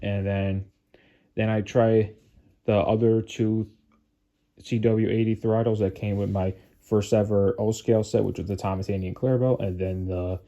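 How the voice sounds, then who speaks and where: Sad guy rambling slow on his vlog, low-ish mellow voice, lots of "like", sighing a lot. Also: little pitch movement, lo-fi sound. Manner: rambling, full of "like" fillers and restarts; dejected and sighing, close to tears. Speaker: model train hobby channel host. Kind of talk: casual vlog monologue. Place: at home, by a staircase.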